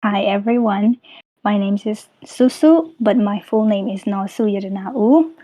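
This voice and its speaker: A young woman from Myanmar gives a friendly self-introduction in an ordinary mid-pitched voice. She pauses now and then with small fillers. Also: mellow, rough recording. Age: young adult.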